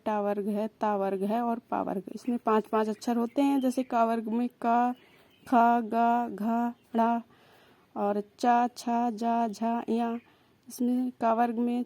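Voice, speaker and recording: A woman's voice: a little high, warm tone. A young woman teaching an exam-prep lesson, patiently repeating and sounding out each consonant. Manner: repeats and spells out sounds slowly, explaining patiently.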